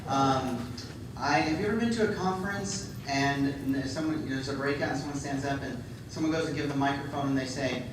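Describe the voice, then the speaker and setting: A middle-aged man with a mid-range voice talks fairly quickly, giving a humorous, self-deprecating conference talk full of ums. He uses a handheld microphone in a large hall with an audience, and the recording is echoey, distant-miked and carries background noise.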